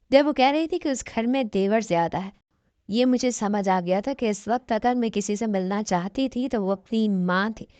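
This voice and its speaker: A woman's voice: a little high, darkish tone, no echo. A woman narrating a first-person story in an earnest, plaintive way. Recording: dull lo-fi dry recording.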